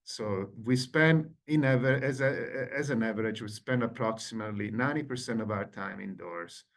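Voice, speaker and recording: A man's voice: fairly low pitch, normal speed. A man in his forties from Italy with an Italian accent, giving an online lecture as a guest lecturer and engaging the audience with questions over a video call.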